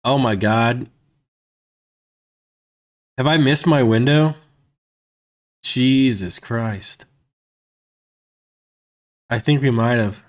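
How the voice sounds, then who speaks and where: A man in his thirties, a livestreamer reading chat, rambles casually in a mid-range voice, peppering his talk with "man" and "you know." He speaks extremely slowly, with long pauses.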